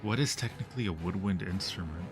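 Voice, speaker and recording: Over music, a man with a deep voice talks fast as he hosts a livestream, chatting casually with viewers while he plays a game.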